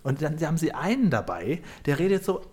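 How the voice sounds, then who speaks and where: A man's voice: fairly high pitch, sing-song, brisk, darkish tone, breathy edge. A man on a podcast panel in casual chat, rambling through opinionated complaints.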